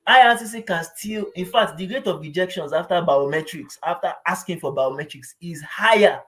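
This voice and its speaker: Speaking quickly in a high, slightly bright voice, this Nigerian-accented man explains things like a vlogger would. His tone is casual yet insistent, with plenty of repetition and frequent checks that you're keeping up.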